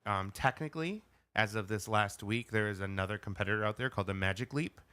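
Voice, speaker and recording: A man's voice: fairly low pitch, quick pace, sharp tone, clean tone. A man co-hosting a casual podcast, explaining things patiently with many fillers. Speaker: podcast co-host. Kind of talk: casual chat.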